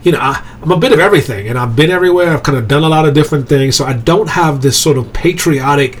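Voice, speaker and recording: Husky and on the high side, this man's voice moves at a quick pace. He's a Bible study teacher raised in England, giving a casual podcast talk and often asking listeners "okay?" or "right?"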